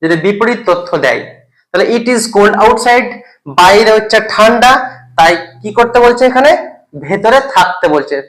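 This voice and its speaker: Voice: medium pitch, lively intonation, poor audio. A teacher explaining a grammar point in a recorded lesson, asking questions and checking in with the listener. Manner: reads example English sentences slowly, word by word. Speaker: English teacher.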